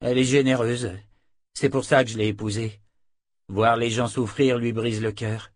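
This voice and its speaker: A man's voice: mid-range voice, little pitch movement, normal speed, no echo, clean studio sound, lightly acted. A man voicing a hot-tempered young swordsman who speaks bluntly. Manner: blunt, angry.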